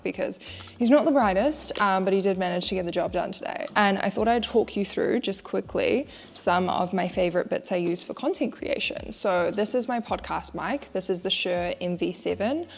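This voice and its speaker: A woman's voice: fairly low pitch, moderate pace, vocal fry. A young woman chatting candidly to camera in a casual vlog about her work, talking in a chatty, self-deprecating way into a clip-on mic. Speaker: social media manager vlogger. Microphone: wireless clip-on mic.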